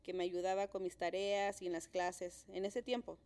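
A woman's voice: fairly low pitch, level tone, normal speed, a little mellow. A woman in her thirties from Mexico, a podcast co-host talking in a friendly, easy way. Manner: friendly, encouraging interviewer. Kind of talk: casual conversation.

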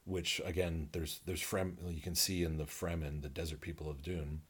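In a casual podcast chat, this North American co-host rambles with enthusiasm and lots of fillers. His very deep voice barely moves in pitch, comes at normal speed and sounds slightly rough.

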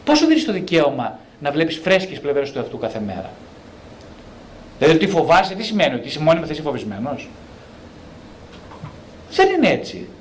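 A male psychotherapist talking freely about self-knowledge, animated and colloquial, often asking and answering his own rhetorical questions. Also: fairly high pitch, pauses often, slight background noise.

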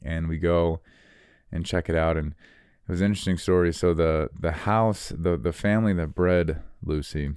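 A young American man talking in an unscripted, reflective monologue, rambling and halting as he repeats his words. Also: low-pitched, fairly even intonation, darkish tone, smooth, no room sound, clean studio sound.

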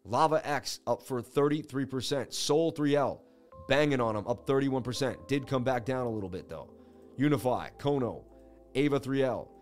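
A man's voice: medium pitch, moderate pace, faint music behind. A man hosting a crypto trading channel, giving casual screen-share market commentary in a slangy, boastful way with repeated catchphrases.

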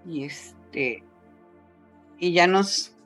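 This Mexican-accented woman in her fifties has a fairly low, slightly bright voice and draws out her words over soft background music. As an interview guest in a casual setting, she emotionally retells a personal story, with frequent fillers and a rising voice when quoting others.

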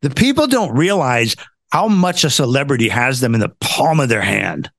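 A man's voice: medium pitch, sing-song, normal speed, gravelly, fairly bright tone, dry recording. An American man hosting a talk show, giving casual political commentary in an exasperated, sarcastic, ranting way.

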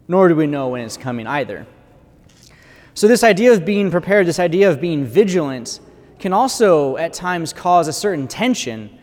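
A man's voice: a little high, darkish tone. An American man speaking as a priest at Mass in church, his voice carrying a long cathedral echo. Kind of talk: liturgical Gospel reading and conversational homily. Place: large church interior.

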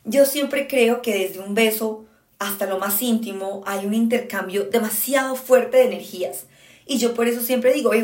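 A woman's voice: on the high side, darkish tone. A woman podcast host giving frank, emphatic relationship advice in a casual monologue, speaking straight to her listeners. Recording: echoey room.

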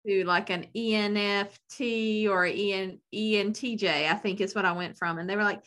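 A woman's voice: medium pitch, steady tone, moderate pace, a bit bright. A woman co-hosting a podcast in casual conversation, with a blunt, wry way of talking. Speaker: podcast co-host. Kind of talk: casual chat.

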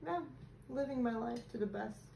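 Bubbly high-voiced young woman. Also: moderate pace, creaky, mellow, echoey room, slight background noise, low-quality recording. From Latvia. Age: young adult. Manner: teasing, bubbly. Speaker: podcast co-host. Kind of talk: casual chat.

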